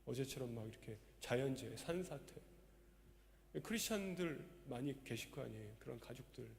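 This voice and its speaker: Emphatic pastor preaching in a reverberant church. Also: male voice, mid-range voice, animated, moderate pace, vocal fry, a little hiss or hum. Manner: emphatic, rising to loud exhortation. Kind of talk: Sunday sermon. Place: church sanctuary.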